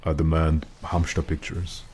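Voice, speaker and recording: Very deep-voiced man streaming a game. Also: level tone, a little slow, a little mellow, slight background noise. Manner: joking, mock-serious banter. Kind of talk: casual chat with stream viewers while gaming.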